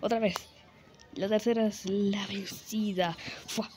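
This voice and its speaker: A woman's voice: mid-range voice, steady tone, slow, darkish tone. A woman giving casual gameplay commentary, playfully boasting, grunting with effort and whispering asides, her throat a little sore. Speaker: gamer.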